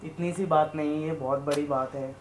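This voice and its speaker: A woman playing a sorrowful young husband in an amateur short film, speaking low, subdued and slow. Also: steady tone, creaky, darkish tone, poor audio. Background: background music.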